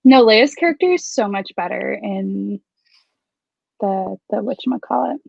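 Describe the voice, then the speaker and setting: A woman's voice: medium pitch, unhurried, vocal fry, no room sound. A woman chatting casually with friends in a wry, candid, hesitant way on slightly muffled audio. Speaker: guest on a book chat livestream. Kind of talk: casual group chat.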